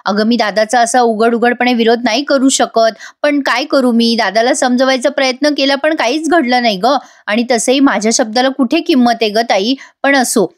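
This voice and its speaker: A woman's voice: sits high, lightly acted. A woman voicing an anxious middle-aged aunt who defensively pleads with her elder sister.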